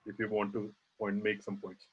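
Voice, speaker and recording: A man's voice: fairly low pitch, completely flat delivery, husky. Man chairing a muffled webinar. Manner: halting, filler-heavy questions. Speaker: session chair. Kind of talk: webinar moderation. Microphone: video call. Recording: muffled video call audio.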